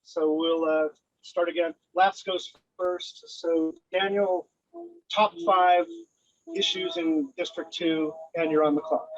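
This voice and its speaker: A man's voice: fairly high pitch, steady tone, slow, no echo, highs cut off. A man moderating a candidate forum, talking loosely with many restarts. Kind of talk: casual moderating.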